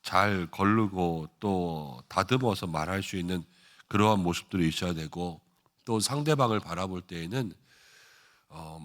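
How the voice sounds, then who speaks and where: Conversational Korean pastor preaching, lowish voice. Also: male voice. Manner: conversational preaching with frequent "uh" fillers and rhetorical questions. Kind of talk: early-morning prayer sermon.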